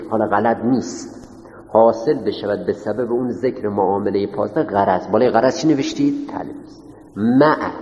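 A man's voice: medium pitch, dark tone. Male teacher lecturing in an echoing hall. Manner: questions the students and answers himself. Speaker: teacher of a class. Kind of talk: classroom lecture, dictating notes. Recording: roomy, echoing hall on dull lo-fi audio.

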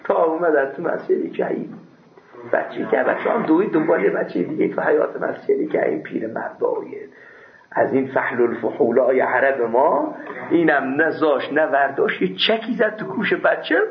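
Male seminary teacher with a fairly high voice. Reads old texts slowly, explains them casually and with humor. Roomy, lo-fi sound. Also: big pitch swings. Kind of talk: classroom lecture on a religious law text. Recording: roomy, dull lo-fi recording.

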